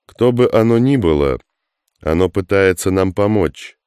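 A man reading the part of a calm, confident armed man in an audiobook. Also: low voice, measured pace, smooth, no echo, studio quality. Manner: calm and assured.

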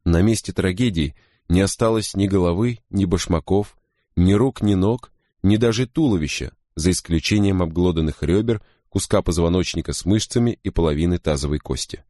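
A man reading a first-person story as an audiobook narrator, in a steady, grave way. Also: low voice, moderate pace, dry recording, studio quality.

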